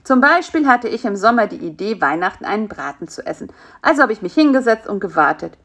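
A woman's voice: mid-range voice, very animated, fast talker, a bit bright. A woman voicing a fat, lazy male spider who acts the know-it-all but is timid at heart, in a storybook reading. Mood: sleepy smug. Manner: sleepy, smug, fretful. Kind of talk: storybook character voice.

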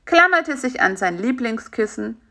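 Bright, lively woman reading a children's story. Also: on the high side, a little slow.

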